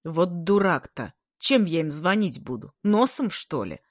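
A sullen, lanky schoolboy , as a woman reader puts him on, grumbling in a low put-on bass. He talks slowly and sardonically and never loses his gloom, in a dry, close storybook reading. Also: big pitch swings, dry recording. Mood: gloomy, sardonic. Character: gloomy tall teenage boy, deadpan bass.

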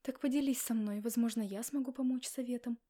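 A woman's voice: a little high, a little fast, dark tone, lightly acted. A woman voicing a middle-aged mother who talks strictly but sincerely to her daughter, in an audiobook. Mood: caring. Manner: strict yet sincere, reassuring.

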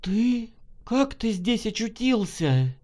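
A man voicing a brisk female army surgeon. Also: very high voice, big pitch swings, voice pushed up, exaggerated voice. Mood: startled. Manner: urgent barked orders, then soft and tearful.

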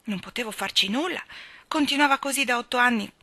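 A wounded, bitter forty-year-old spinster, put on by a woman reading a storybook, pitched up and pushed louder. She speaks in indignant, pleading bursts. The voice is bright and dry. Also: a little fast, dry recording. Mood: aggrieved. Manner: sobbing, indignant, pleading outbursts.

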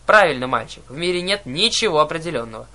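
These are squabbling ancient hag sisters from an audiobook, put on by a male reader. The voices are hoarse and cackling, pitched a little high and pushed bright and sharp. They shout and wail over each other constantly. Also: expressive, fast. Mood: boastful. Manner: shrill, shouting, bickering. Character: shrieking squabbling old hag sisters, women.

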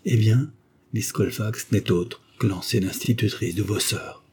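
A man reading the lines of a calm, earnest viscount who gives grave, persuasive counsel in an audiobook. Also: fairly low pitch, measured pace, slight background noise. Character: calm, earnest male viscount, loyal friend.

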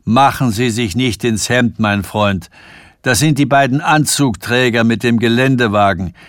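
A man's voice: mid-range voice, measured pace, fairly bright tone, no echo, studio quality, close to an everyday voice. A man voicing a brash English banker who mocks his companion in a radio reading of a novella. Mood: mocking. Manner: cackling, scornful.

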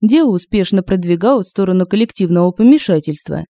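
A woman narrating a humorous fantasy audiobook in a lively, expressive way on a close home mic. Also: on the low side, quick pace, no room sound. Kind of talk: scripted narration. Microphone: close mic, home recording.

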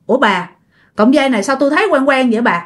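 A woman's voice: sits high, expressive, very fast. A woman voicing an elderly grandfather who is startled and calls out urgently to wake the family. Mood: puzzled. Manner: startled, calling out.

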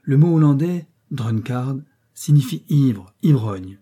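A man narrating an adventure novel in a measured, expressive reading. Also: mid-range voice, husky. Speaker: audiobook narrator.

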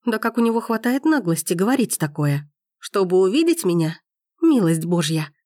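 A furious young heroine from an audiobook romance, as a woman reader puts her on, loud and raised well above the narrator's low voice. She exclaims and accuses in a heated rush. The sound is close and dry. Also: big pitch swings, moderate pace, dry recording, close to an everyday voice.

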